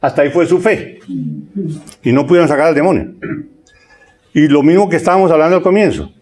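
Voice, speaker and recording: Preaching a sermon, a man with a fairly high, darkish voice reads scripture aloud and slows down to stretch the key phrases. His style is conversational, with frequent "¿sí?" check-ins and repeated words.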